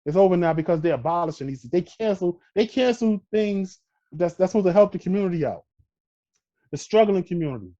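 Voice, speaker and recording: A man's voice: high voice, lively intonation, fairly quick, mellow, highs cut off. A man from Brooklyn with a New York accent, talking emphatically in a casual podcast conversation and tagging points with "all right". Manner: emphatic, peppers points with "all right" and "you know what I mean".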